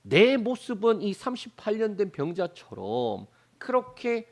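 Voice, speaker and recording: A middle-aged pastor from Daegu with a Gyeongsang accent, preaching a Wednesday sermon, asking the congregation rhetorical questions and acting out voices. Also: male voice, sits high, huge pitch swings, measured pace, creaky. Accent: Gyeongsang Korean. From Daegu, South Korea. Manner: acts out Bible characters' lines in exaggerated voices. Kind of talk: Wednesday prayer service sermon.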